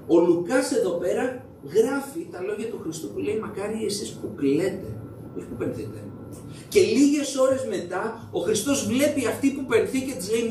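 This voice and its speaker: A man's voice: high voice, a little mellow, slight background noise. A young man preaching a sermon in a church, talking conversationally and putting questions to the congregation. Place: church hall. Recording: echoey hall, mic at a distance.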